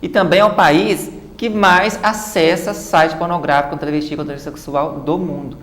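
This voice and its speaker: A woman's voice: low-pitched, steady tone, moderate pace. Explanatory woman guest, roomy studio. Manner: explanatory, frequent "né" tags. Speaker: guest author and activist. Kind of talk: TV studio interview.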